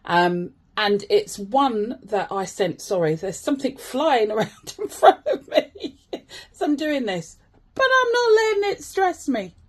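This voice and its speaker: A woman's voice: a little high, sing-song, unhurried. A woman coach talking informally to her followers, chatty and given to self-deprecating asides. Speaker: wellbeing coach and host. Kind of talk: informal video chat to followers.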